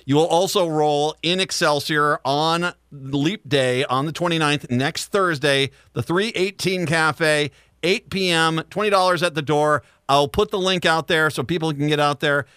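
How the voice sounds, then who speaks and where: A man hosting a radio talk show, speaking in an animated, conversational and emphatic way. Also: a little high, unhurried, clear, resonant tone, dry recording, studio quality. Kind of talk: live radio talk and news commentary.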